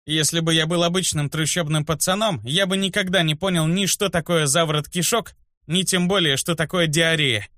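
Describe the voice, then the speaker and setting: A cocky young slum kid, sarcastic and quick with a comeback. A man plays him, pitching his voice up a little, recorded close and dry. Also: expressive, fairly bright tone, no echo. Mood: cheeky. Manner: wry, cheeky, sarcastic. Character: cocky slum boy in a child's body.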